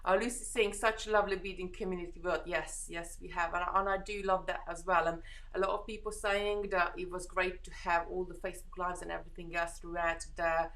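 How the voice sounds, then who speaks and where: This beading live stream host speaks a little fast in a low, level, fairly bright voice with a Hungarian accent. Chatting casually from home, she reads viewer comments and answers in a reassuring, rambling way, filling gaps with fillers and restarting sentences.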